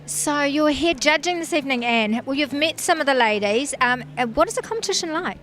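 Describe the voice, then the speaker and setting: Higher-pitched woman interviewer. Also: lively intonation, a little fast, a bit bright, soft background music. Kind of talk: appreciative event interviewing.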